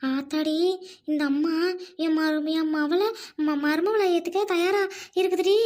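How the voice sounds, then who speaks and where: Woman doing a loud, gossipy older village auntie, slow and exclaiming. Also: very high voice, steady tone, voice pushed down. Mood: gleeful.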